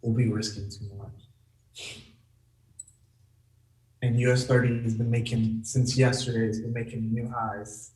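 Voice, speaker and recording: A man hosting a live trade room, excitable and chatty, addressing the group directly. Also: mid-range voice, a little slow, pauses often, roomy sound, far from the mic, poor audio. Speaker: trade room signal host. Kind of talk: casual live trading chat.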